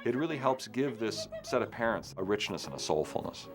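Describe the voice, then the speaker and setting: A man's voice: on the low side, big pitch swings, brisk. A man, a director in an interview, speaking thoughtfully and articulately. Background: film music.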